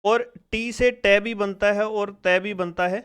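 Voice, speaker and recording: A man from India leads a phonics lesson in a high, smooth, slightly bright voice, speaking steadily and a little slowly. He repeats each question to the class many times and breaks every sound down step by step.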